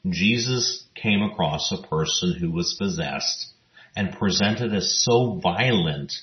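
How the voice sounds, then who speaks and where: A man giving scripted Bible teaching narration, reading scripture verses in a measured, even way. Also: low voice. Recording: roomy, dull lo-fi recording.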